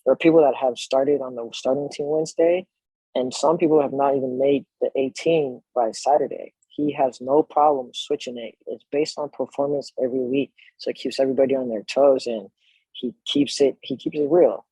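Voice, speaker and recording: A man's voice: medium pitch, slightly rough, no echo, rough recording. A French-born man whose first language is French, a professional soccer player chatting easily as a podcast guest. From France. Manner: relaxed, chatty, laughs easily. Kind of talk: casual podcast interview.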